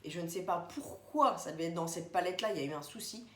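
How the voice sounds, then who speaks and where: A woman's voice: lowish voice, fast talker. Woman rambling through her grocery haul, super casual, roomy echo and a bit of hiss. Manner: chatty, rambling, talks to viewers as tu. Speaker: vlogger. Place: home, indoors. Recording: echoey room, faint background noise.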